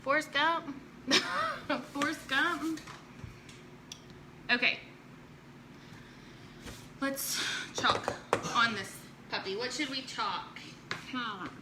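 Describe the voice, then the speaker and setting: Extremely slow and with long pauses, a woman talks in a high voice with fairly even intonation over a noisy background. As host of a casual home live stream on chalk crafts, she chats with viewers, jokes, teases and laughs a lot.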